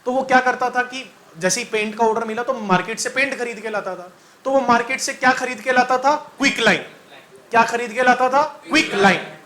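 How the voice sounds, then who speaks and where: Bright, high-pitched Indian chemistry teacher. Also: male voice, a little fast. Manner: quizzing students, joking, sings mnemonics. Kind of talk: classroom lesson with call-and-response.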